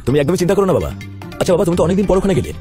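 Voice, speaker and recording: A man's voice: high voice, big pitch swings, racing, dark tone, soft background music. An actor playing a cheerful young son reassuring his father in a family drama. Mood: breezy. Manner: breezy, reassuring.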